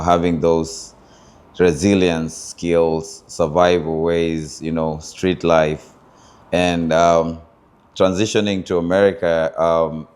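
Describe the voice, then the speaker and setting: A Kenyan man with a notably low voice talks through his story as an interview guest. He speaks reflectively, pausing often with fillers while he searches for the right words. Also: a little mellow. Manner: thoughtful, searching for words with many pauses and fillers. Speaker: interview guest, founder of a culture group.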